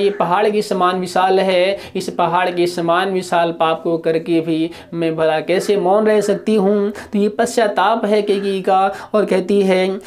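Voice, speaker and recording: Slow, mellow-voiced man teaching poetry. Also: sits high. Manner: measured, explanatory, repeats and rephrases lines; chants the verses in a drawn-out singing way. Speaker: Hindi literature teacher. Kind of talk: explaining a poem in a class lesson.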